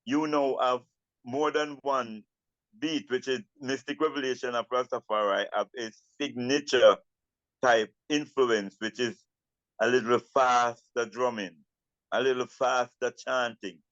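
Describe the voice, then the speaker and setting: An older Jamaican man talks in Rastafari speech at a very slow, deliberate pace, repeating phrases as he reflects. The sound is roomy and a little muffled. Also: medium pitch, steady tone, fairly bright tone. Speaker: interviewee, Rastafari elder and drummer. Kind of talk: reflective interview talk.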